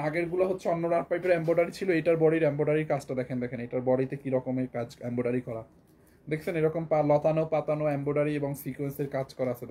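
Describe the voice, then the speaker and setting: A hoarse man from Bangladesh giving a live online sales pitch for clothes, repeating himself and coaxing viewers as he shows each item. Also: warm tone. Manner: repetitive, coaxing, calls viewers "apu". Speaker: clothing seller.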